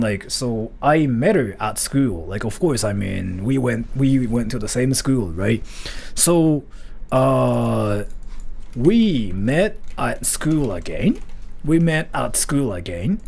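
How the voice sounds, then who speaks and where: On a livestream, a Japanese man rambles through a casual story, leaning heavily on "like" and other filler words. His mid-range voice is creaky and a little mellow.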